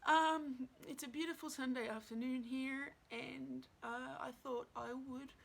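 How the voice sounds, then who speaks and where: A woman actress talking to camera at home in a halting, musing way, full of fillers. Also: high-pitched, fairly even intonation, vocal fry. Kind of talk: reflective casual monologue.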